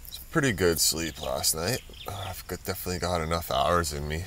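A man talking casually to the camera from inside a tent on a beach, relaxed and chatty with the odd hesitation. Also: low voice, a little fast, slight background noise. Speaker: travel vlogger.

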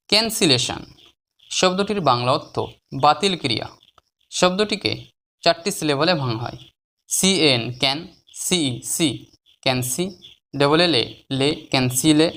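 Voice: mid-range voice, fairly bright tone. A teacher giving a spelling lesson, who spells each word letter by letter and then syllable by syllable, and lifts the voice to announce each new word. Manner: slow and deliberate when sounding out syllables. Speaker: English teacher.

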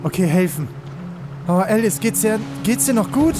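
A casual let's player with a mid-range voice comments on a video game. They react aloud and chat to viewers, with game music clearly behind. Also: medium pitch, animated, moderate pace.

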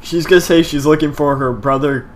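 A man's voice: a little high, fairly even intonation, fairly quick, slight background noise. A young man giving casual game walkthrough commentary, laid-back and swearing freely as he explains the route.

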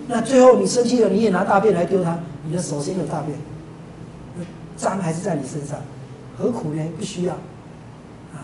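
Man teaching Buddhism, roomy recording. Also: high voice. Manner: conversational storytelling with frequent filler syllables. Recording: roomy, distant, noisy lecture recording.

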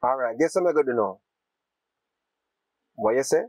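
A man's voice: mid-range voice, lively intonation, moderate pace, darkish tone, no echo, lightly acted, poor audio. Man playing a taunting Jamaican hustler. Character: fast-talking Jamaican man teasing about money. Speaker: actor. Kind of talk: low-budget film drama.

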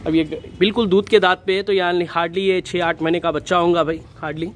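A man, walking viewers through a goat for sale in a casual, steady way, often calling them brother. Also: high voice, fast talker, a little hiss or hum. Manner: flat, steady, repeatedly says "bhai". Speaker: goat farm seller. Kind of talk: casual sales walkthrough. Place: outdoor goat pen.

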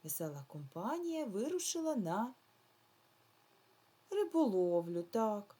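A woman primary school teacher giving a slow, patient remote lesson to young children, drawing out her words. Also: mid-range voice, very animated, mellow, slightly rough.

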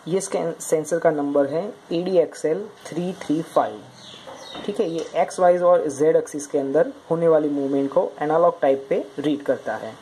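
A woman's voice: deep voice, moderate pace, mellow, slight background noise, rough recording. A woman explaining an electronics project step by step, pointing out each part as she goes. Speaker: project demonstrator.

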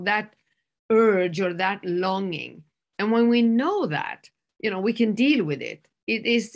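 A woman addiction specialist giving a calm, conversational lecture, often slipping into quoted voices and using many "you know" fillers. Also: mid-range voice, vocal fry. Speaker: addiction specialist presenting to a group.

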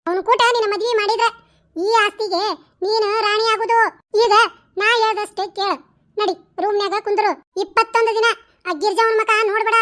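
A woman's voice: very high-pitched, a bit bright. A woman voicing a spiteful, scheming middle-aged village mother in a cartoon, with a North Karnataka Kannada accent and a sneering, scolding manner. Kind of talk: cartoon voice acting.

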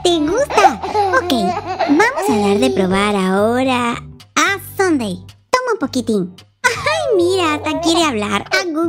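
A young woman narrating a mobile game playfully, talking in animated sing-song to babies. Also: high-pitched. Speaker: game video creator. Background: faint children's music.

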